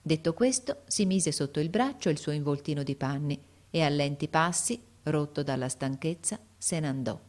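A woman narrating an audiobook in a measured, expressive reading. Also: deep voice.

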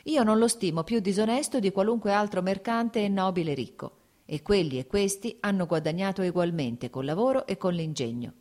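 A woman voicing an easygoing, worldly male nobleman who speaks calmly and teases in an audiobook reading. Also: medium pitch, brisk, voice pushed up, close to an everyday voice. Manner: calm, teasing.

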